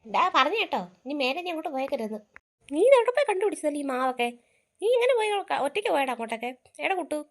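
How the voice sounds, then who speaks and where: A woman voicing a frantic mother in a family cartoon, who scolds her children loudly. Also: big pitch swings, very fast. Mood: panicked. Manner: shrill, scolding.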